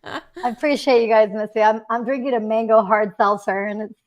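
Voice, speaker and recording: Brisk and fairly even in intonation, a young woman with a voice on the high side hosts a relaxed livestream chat. Born in Mexico City and raised in the Bay Area, she rambles, giggles and uses plenty of fillers as a podcast host.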